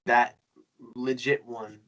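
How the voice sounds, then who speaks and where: A man's voice: mid-range voice, steady tone, slow pace, fairly bright tone, low-quality recording. A man hosting a casual conversation, talking in a loose, slangy way and often searching for words.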